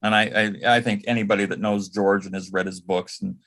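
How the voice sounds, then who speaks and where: Quick-paced and fairly even in intonation, this man's lowish, somewhat bright voice carries his reminiscences as an interview guest. Once personal assistant to an entertainer, he recounts anecdotes conversationally, often quoting dialogue.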